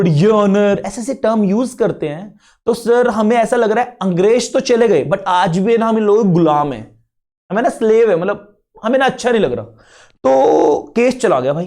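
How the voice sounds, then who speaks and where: A man's voice: sits high, a little mellow. Unwell Indian man teaching a class. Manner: chatty, mixes English terms into Hindi. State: unwell, lower energy. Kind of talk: casual classroom lecture.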